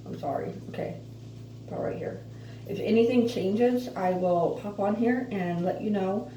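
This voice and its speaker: A woman with missing front teeth and softly slurred F sounds gives a casual, halting, chatty update as an earnest vlogger. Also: mid-range voice, dull audio. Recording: roomy echo, distant mic, faint noise.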